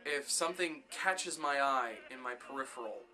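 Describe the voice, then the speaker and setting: Bright-voiced young man answering questions. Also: mid-range voice, normal speed. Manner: enthusiastic, animated when reading questions aloud. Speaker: vlogger answering viewer questions. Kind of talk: casual vlog Q&A.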